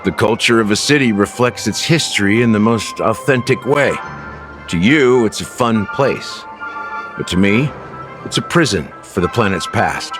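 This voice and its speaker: A man voices a deep, world-weary officer in video game story dialogue, acting it lightly. The character is a sly, grave storyteller guide who speaks in a measured, dramatic, deliberate way. It's a studio voice-over with game music playing in the background.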